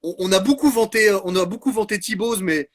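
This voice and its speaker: A man's voice: sits high, a little fast. A man co-hosting a casual music chat, enthusiastic and playful. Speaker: podcast co-host.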